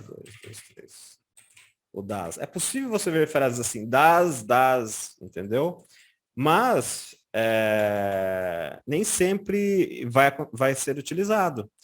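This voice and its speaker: A Brazilian man teaching German in a casual lesson, often checking in with "tá?" and saying German examples slowly and carefully. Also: medium pitch. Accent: Brazilian Portuguese. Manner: lively, frequent "tá?" check-ins, slow careful German examples. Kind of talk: casual explanatory language lesson.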